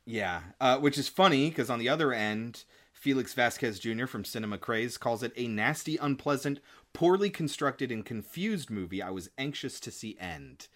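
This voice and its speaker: A man's voice: mid-range voice, animated, normal speed, fairly bright tone. A man co-hosting a podcast, chatting casually and enthusiastically about films in informal language. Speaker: podcast co-host. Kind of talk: casual film review chat.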